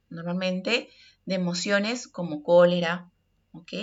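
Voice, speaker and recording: A woman's voice: medium pitch, fairly bright tone, muffled recording. A woman with a Peruvian Spanish accent giving an online workplace communication lesson, explaining step by step and often checking in with "ok?". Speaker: course instructor.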